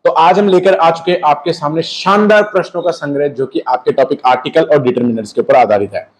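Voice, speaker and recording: A man's voice: a little high, brisk, rough recording. A young man teaching an exam-prep grammar lesson, often calling out to his students and repeating key words back as questions.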